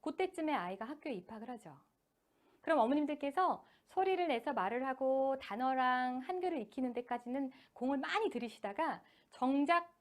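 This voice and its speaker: A middle-aged woman lecturing parents on children's reading, polite toward them, reading example sentences slowly in short spaced phrases. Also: high-pitched. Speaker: education team leader giving a lecture to parents.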